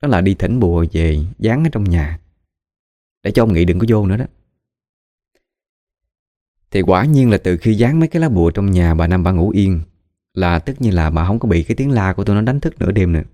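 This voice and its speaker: Deep-voiced Southern Vietnamese man telling a ghost story. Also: animated, a little fast, pauses often, warm tone. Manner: chatty, gossipy retelling.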